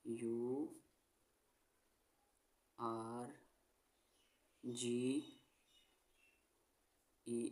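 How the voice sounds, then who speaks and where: A male teacher giving a phonics lesson, spelling words out letter by letter and patiently repeating each word twice. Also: medium pitch. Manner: frequent "theek hai" check-ins to the viewer. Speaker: English teacher.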